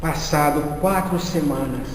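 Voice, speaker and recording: A man giving a spiritist lecture, telling a story in an animated way and acting out the dialogue. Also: a little high, measured pace. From Minas Gerais, Brazil. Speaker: guest lecturer at a spiritist center. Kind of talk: spiritist lecture told as an anecdote. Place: spiritist center lecture hall. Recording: echoey hall reverb with faint noise.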